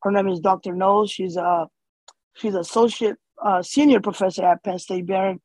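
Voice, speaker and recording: A Somali-born man raised in the US, a community organizer, talks as an interview guest in a casual, hesitant manner full of fillers and restarts. His voice is high with fairly even intonation, a moderate pace and a slightly mellow quality. The audio is poor, though there's no room sound.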